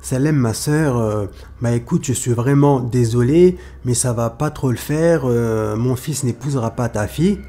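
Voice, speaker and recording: A man's voice: mid-range voice, measured pace, dark tone, lightly acted. A man voicing an apologetic middle-aged mother. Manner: apologetic, hedging. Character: polite middle-aged mother declining a marriage.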